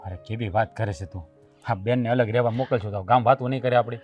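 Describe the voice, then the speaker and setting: A harried village husband, played by a man, talking fast and trying to smooth things over. He sits a little back from the mic, with faint music behind him. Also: medium pitch, fairly even intonation, distant mic, natural voice. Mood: placating. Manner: placating, pleading, rising to shouting. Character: village husband torn between wife and widowed sister. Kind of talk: village family drama acting.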